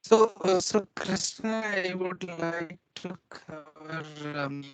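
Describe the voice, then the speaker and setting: A man speaking in an online work meeting. His call audio breaks up and sounds tinny, like talking through a tin can, and he talks haltingly. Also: high voice, smooth, no echo. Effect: choppy, tinny call audio, like talking through a tin can. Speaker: meeting participant.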